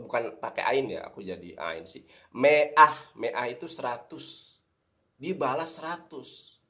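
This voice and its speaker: Man, preacher, religious lecture, earnest, direct address, frequent self-corrections, mid-range pitch.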